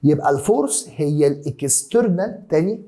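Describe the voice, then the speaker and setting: A man's voice: a little high, expressive, a little fast, warm tone. A man with an Egyptian accent teaching a science lesson, repeating key terms and mixing in English words. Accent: Egyptian Arabic. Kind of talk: classroom lesson explanation.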